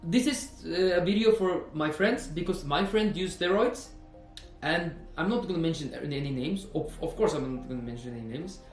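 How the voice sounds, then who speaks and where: Brief: man, 20s, personal trainer vlogging; earnest, repetitive, high voice over faint background music. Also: moderate pace, echoey room. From Norway. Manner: earnest, repeats himself, frequent "you know". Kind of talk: earnest fitness vlog monologue.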